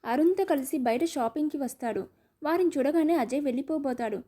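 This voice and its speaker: A woman tells an audio story in a high, mellow voice. She reads every part, narration and dialogue alike, with only small shifts between them. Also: brisk.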